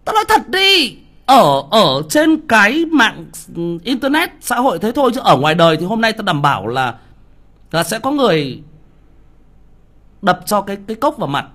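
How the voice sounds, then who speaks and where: Heated man, high lively voice. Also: normal speed. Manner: heated, profane scolding with rhetorical questions. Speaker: audiobook reader on a livestream. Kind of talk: livestream rant at a viewer.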